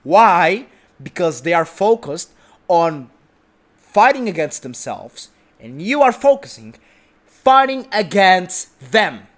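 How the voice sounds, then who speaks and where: A young man's slow, sing-song voice sits high and a bit bright as he delivers a motivational monologue. Emphatic throughout, he restates his points and often asks "right?"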